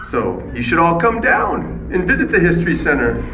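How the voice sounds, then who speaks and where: A man's voice: on the high side, very animated, normal speed, roomy sound, background noise. A man who runs a haunted attraction, chatting casually in an interview about how it started. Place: dark stone-walled haunted attraction, indoors.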